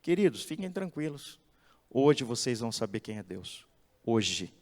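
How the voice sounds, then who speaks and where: A man voicing a calm, serene prophet who speaks softly and reassuringly. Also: unhurried. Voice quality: soft, low and soothing. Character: serene calm older male prophet leader. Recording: echoey church hall.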